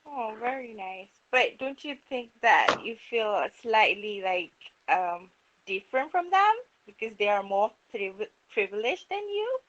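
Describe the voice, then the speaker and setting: A woman's voice: a little high, expressive, measured pace, a bit bright, highs cut off, slight background noise. A woman interviewing a guest on a podcast, asking hesitant questions full of fillers.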